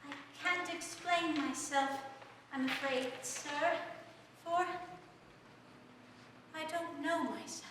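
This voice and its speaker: A woman playing Alice, a polite, puzzled young girl, in a live stage reading in a church, soft-spoken and hesitant. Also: sits high, takes it slowly, pauses often, noisy background. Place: church sanctuary. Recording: echoey church hall from far off.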